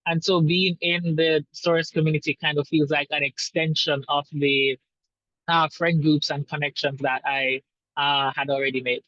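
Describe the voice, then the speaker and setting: A man in his twenties from Jamaica, a doctoral student speaking as a webinar panelist in a measured, articulate way. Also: fairly high pitch, level tone, sharp tone, no echo, dull audio. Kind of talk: casual chat.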